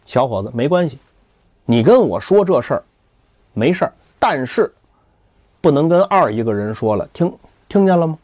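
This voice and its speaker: A calm, stern older official speaks slowly, with quiet menace, as a male storyteller plays him. His voice drops lower than the narration but stays lively in inflection. The recording is dry and close. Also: dry recording. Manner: slow, measured, quietly threatening.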